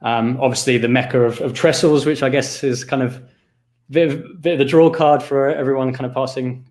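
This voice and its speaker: A man with a mid-pitched voice hosts an informal interview. He speaks in a conversational, slightly halting way, repeating small words as he forms his phrases. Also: fairly even intonation, darkish tone. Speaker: podcast host. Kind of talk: casual interview chat.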